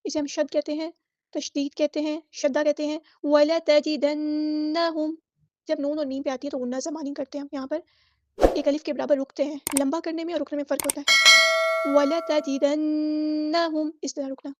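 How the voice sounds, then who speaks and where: A woman with a Pakistani Urdu accent teaches Quran recitation, breaking down each letter before chanting the verse slowly. Her voice sits high and stays fairly level. The recording is dry and a little dull. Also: level tone, dark tone, no echo. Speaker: Tajweed teacher.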